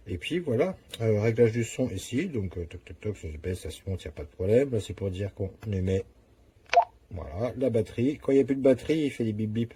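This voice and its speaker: In a dark, fairly low and husky voice, a man gives an off-the-cuff product review. He talks casually and colloquially, thinking out loud as he demonstrates how things work.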